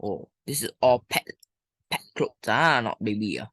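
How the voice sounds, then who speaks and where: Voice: medium pitch, very animated, moderate pace, a bit bright, dry recording, clean studio sound. A teacher with a Malaysian or Singaporean English accent, talking informally through lesson exercises and thinking aloud with colloquial particles. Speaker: primary school English teacher.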